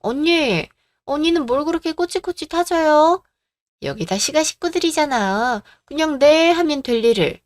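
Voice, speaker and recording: A woman's voice: high voice, lively intonation, normal speed, hardly any pauses, dry recording. A woman playing a whiny petulant young sister-in-law. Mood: whining. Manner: petulant, whining. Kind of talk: radio drama acting.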